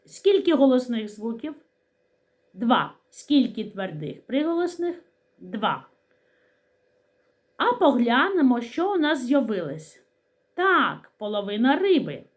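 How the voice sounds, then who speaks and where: A woman teacher from Ukraine leads a children's literacy lesson, speaking slowly and stretching out each syllable with care. Her fairly high voice moves up and down with plenty of life as she asks questions and answers them herself. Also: very animated. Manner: slow, careful enunciation of syllables.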